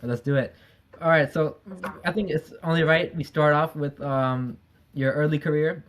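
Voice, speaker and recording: A man's voice: on the high side, fairly even intonation, normal speed, slight background noise. A man hosting a podcast, opening the show and asking the guest questions in an upbeat way. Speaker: podcast host.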